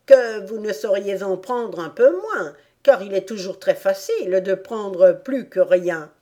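A woman voicing a rude, mocking man with a loud, sneering, pedantic delivery in an audiobook. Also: mid-range voice, expressive, unhurried, close to an everyday voice. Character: rude, mocking adult man at a tea party. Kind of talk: audiobook character voice.

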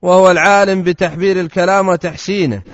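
Guy reading the text out for the sheikh, high voice, formal, dull sound with long echo. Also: quick pace. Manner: steady, formal recitation. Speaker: student reading the text aloud. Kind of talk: reading a classical text aloud. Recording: dull recording with long hall reverb.

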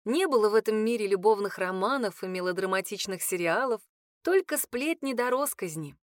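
A woman reading a first-person audiobook with even, expressive storytelling. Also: medium pitch, fairly quick, no echo, clean studio sound. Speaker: audiobook narrator.

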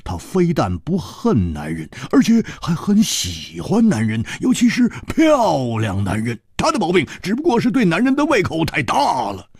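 A man's voice: fairly high pitch, wildly swooping pitch, moderate pace, hardly any pauses, darkish tone, husky, no echo, studio quality, voice pushed up, heavily acted. A man voicing a boisterous, teasing young swordsman who banters and mock-scolds in a raised voice.

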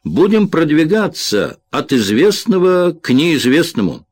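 A man voicing a brisk, wry male pathologist in an audiobook thriller. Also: on the high side, big pitch swings, no echo, pitched above the performer's own voice.

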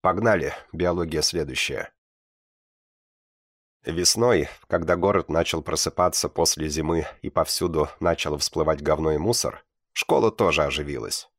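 A man's voice: rumbling low, normal speed, dry recording, studio quality. A man reading a story in first person, blunt and full of swearing. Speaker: narrator. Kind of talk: audiobook reading.

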